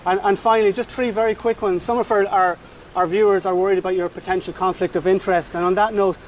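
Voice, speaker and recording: A man's voice: high voice, steady tone, fast. A man working as a reporter on the street, putting pushy, insistent questions in a doorstep interview. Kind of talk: on-the-spot questioning. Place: outdoors by a street with traffic. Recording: faint outdoor traffic noise.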